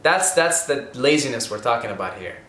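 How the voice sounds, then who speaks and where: Talking casually to camera about money, a young man from Syria sounds animated and fairly quick, his mid-range voice pushed and bright. He rambles earnestly, restarting often and saying "okay?". There's slight background noise and an echoey room.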